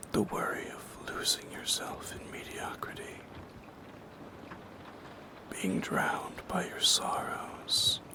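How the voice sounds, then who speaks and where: In a hushed ASMR roleplay, a man whispers as a lonely shadow creature yearning for something, speaking in halting, solemn, poetic fragments with breath and creak in his voice. He pitches it high and exaggerates the performance.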